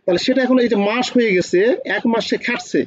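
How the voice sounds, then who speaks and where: Fast-talking high-voiced male teacher. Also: highs cut off. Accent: Bangladeshi Bengali. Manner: quizzes students with repeated questions. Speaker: accounting teacher. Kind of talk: online class lecture.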